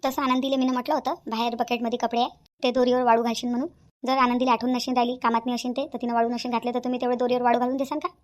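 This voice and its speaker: Woman doing a fussy polite vahini, cartoon, high voice. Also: flat delivery, rapid-fire, natural voice. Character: polite fussy elder sister-in-law.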